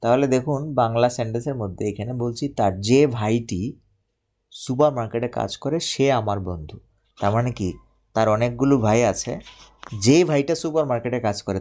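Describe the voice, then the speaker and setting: A man teaching English grammar in a live online lesson, explaining slowly and repeating himself while checking that viewers follow. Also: mid-range voice, darkish tone. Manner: repetitive, explains step by step, asks viewers to confirm.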